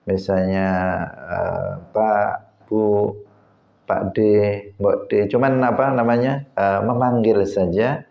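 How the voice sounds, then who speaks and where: A man gives a religious lesson in a low voice, unhurried and filling pauses with "eh". The recording is echoey and dull. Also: vocal fry, darkish tone. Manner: unhurried, many "eh" fillers, acts out greetings. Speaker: religious teacher. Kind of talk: hadith study lesson.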